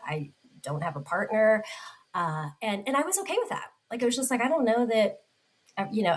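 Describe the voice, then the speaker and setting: A woman's voice: medium pitch, low-quality recording. A woman in her forties, a podcast guest, telling a personal story in a heartfelt way with many restarts. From United States. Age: 40s.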